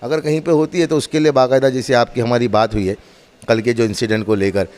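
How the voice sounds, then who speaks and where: A man's voice: medium pitch, fairly even intonation, quick pace, a little mellow. A man gives a spoken demonstration, explaining in an emphatic, repetitive, instructive way. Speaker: mosque representative demonstrating loudspeaker equipment.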